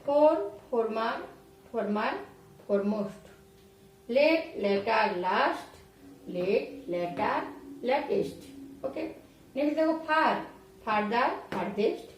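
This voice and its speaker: A woman teaching English grammar in Bengali, spelling out words letter by letter and repeating examples slowly. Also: a little high, lively intonation, distant mic, a little hiss or hum. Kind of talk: explaining grammar rules to students. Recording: very echoey room, voice off-mic.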